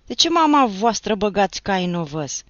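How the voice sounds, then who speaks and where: A woman's voice: medium pitch, sing-song, no echo, voice pushed up. A woman doing a brutal menacing field watchman. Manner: threatening, shouting. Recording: dull lo-fi audiobook recording.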